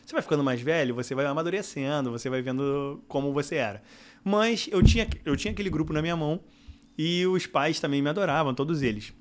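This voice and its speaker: A middle-aged Brazilian man, a football director guest, telling anecdotes in casual podcast chat, his voice climbing when he gets excited. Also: on the high side, fast, a little hiss or hum.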